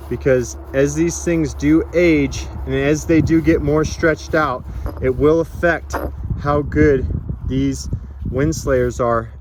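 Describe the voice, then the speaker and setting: A man's voice: mid-range voice, a little hiss or hum. A man giving a casual, informal product demonstration in an instructional way, as a reviewer.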